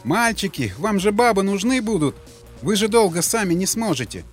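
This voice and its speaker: A man's voice: mid-range voice, very animated, moderate pace, soft background music, close to an everyday voice. A man voicing a desperate young woman who shrieks and begs in a crowd. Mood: shrill begging. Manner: shrieking, begging.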